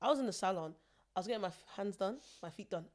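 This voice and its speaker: A young woman talks easily as a podcast co-host in a middle-pitched voice. Her slangy storytelling is relaxed and full of laughter. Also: rapid-fire. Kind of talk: casual chat.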